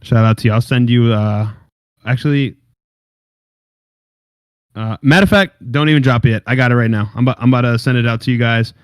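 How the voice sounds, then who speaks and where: A man's voice: medium pitch, a little fast, pauses often, clear, resonant tone, no echo. Laid-back slangy young man hosting a podcast. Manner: slangy, laid-back, steers the show and giveaways. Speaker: podcast host. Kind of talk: casual gaming podcast chat.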